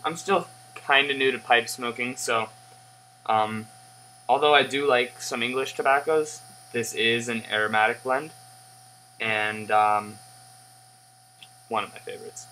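A young adult man reviews pipe tobacco in a casual, rambling, unscripted chat, halting and trailing off as he goes. He has a medium-pitched, sharp voice, picked up by a webcam at desk distance in a living room, with humming, noisy audio.

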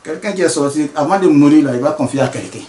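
In interview answers, a man describes his work as a traditional healer, his slightly high voice fast and warm. He speaks earnestly, frequently breaking off to restart sentences, and the room adds a clear echo to the recording.

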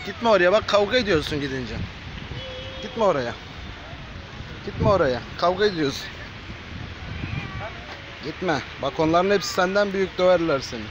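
A man with a fairly high, very lively voice coaxes street cats in a casual vlog, repeating short calls again and again. The audio is dull and lo-fi, with clear street noise underneath. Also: normal speed, pauses often. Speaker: vlogger.

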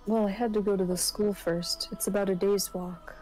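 A woman's voice: mid-range voice, steady tone, normal speed, darkish tone, soft background music, low-quality recording. A woman playing in a tabletop game, chatting casually in a laid-back way and laughing often. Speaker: player.

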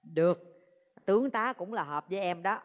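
A woman with a Southern Vietnamese accent hosting a dating show, teasing and expressive in her banter. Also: fairly low pitch, moderate pace. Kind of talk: lively matchmaking banter. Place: TV studio stage with audience. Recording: reverberant studio hall, faint noise.

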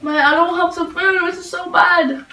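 A woman hosting let's-play gameplay commentary, panicky and yelping, with halting speech that repeats and restarts phrases. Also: very high-pitched, fairly even intonation, pushed and bright, recorded from a distance, a little hiss or hum. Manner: panicky, frequent yelps and exclamations. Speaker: gamer host. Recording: roomy, off-mic, with game music.

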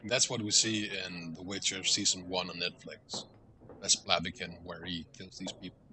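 A man's voice: sits low, little pitch movement, normal speed, noisy background. A man casually commenting as he plays a video game, playful and joking. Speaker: game streamer. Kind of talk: casual let's-play commentary.

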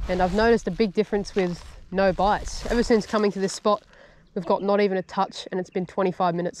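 An Australian man talks to camera while he fishes outdoors by a sand flat. He is chatty and upbeat in a casual way, and he walks through his knots, leader and tactics like a friendly guide. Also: high voice, slight background noise. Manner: upbeat and chatty, explains tackle and tips as he goes. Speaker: fishing vlogger. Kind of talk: casual to-camera fishing commentary.

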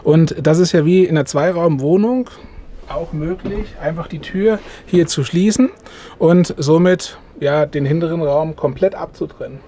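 This is a camper van walkthrough at a trade fair, recorded close inside, where a middle-aged sales manager pitches to an interviewer with frequent "ähm"s. His voice is mellow and his speed normal.

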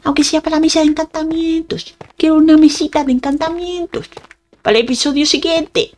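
A woman's voice: high voice, steady tone, brisk, slight background noise. A woman with a Spain Spanish accent giving casual, playful gameplay commentary, chatting to her viewers and muttering little sound effects as she plays. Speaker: gaming channel host.

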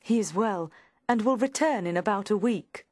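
A woman voicing an affectionate young woman who reads out a letter to her friend in a measured way. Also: medium pitch, expressive, no room sound, studio quality, natural voice.

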